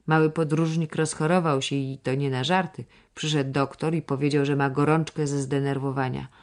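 A woman reading a children's novel aloud in a measured storytelling manner. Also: low voice, little pitch movement, a little mellow. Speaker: audiobook narrator. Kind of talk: scripted narration of a children's novel.

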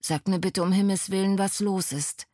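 Woman reading as a young schoolgirl, eager, breathless, husky, slow, dry sound. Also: mid-range voice, steady tone, warm tone, dry recording, lightly acted. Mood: fearful. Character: young schoolgirl, lively, then frightened.

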